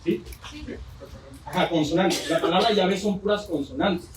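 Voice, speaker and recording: A man's voice: high voice, moderate pace, a little hiss or hum. A man with a Mexican accent preaching a sermon, telling a story with joking asides. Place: church. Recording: roomy church hall from far off.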